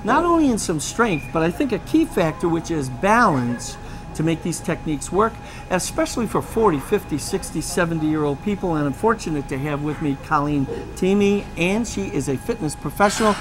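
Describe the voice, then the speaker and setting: A man's voice: fairly high pitch, very animated, normal speed, over music. A man hosting a safety show, coaching a self-defense technique step by step. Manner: coaching, giving step-by-step commands. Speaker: host and martial arts instructor. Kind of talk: instructional demonstration, talk show.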